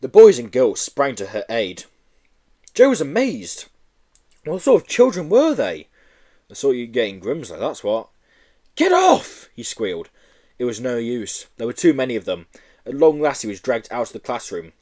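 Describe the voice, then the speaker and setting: Brief: man narrating a children's book, expressive and lively. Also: mid-range voice, normal speed. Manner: animated, acting out the story. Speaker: audiobook reader. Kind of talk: storybook narration.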